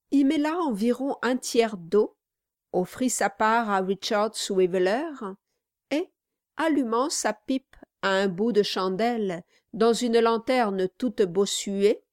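A woman narrates a classic story in a slow, measured way, her voice a little high. The recording is close and completely dry. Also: a little mellow, no echo. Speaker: audiobook narrator. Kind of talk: scripted narration.

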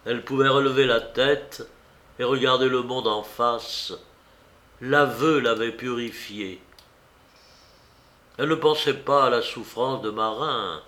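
A man reading a novel aloud in a measured, somber storytelling manner. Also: medium pitch, bright, forceful tone. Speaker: narrator. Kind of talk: audiobook reading.

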